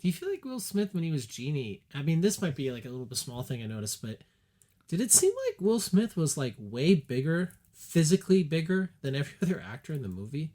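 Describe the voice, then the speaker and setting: A man's voice: on the high side, a little fast. Chatty man co-hosting a film podcast. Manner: animated, chatty, many fillers. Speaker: podcast co-host. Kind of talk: casual film discussion.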